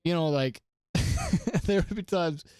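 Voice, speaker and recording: A man's voice: fairly high pitch, measured pace, darkish tone, clean tone, no room sound, clean studio sound. Joking young man on a podcast. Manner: joking, laughs often, teasing questions. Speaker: podcast co-host. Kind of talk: casual chat.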